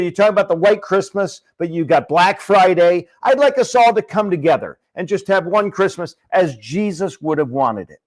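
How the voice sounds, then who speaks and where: A middle-aged man co-hosting a comedy podcast with his wife, teasing her in a deadpan, jokey way. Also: sits high, rough recording. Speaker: podcast co-host. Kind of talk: comedic couple banter.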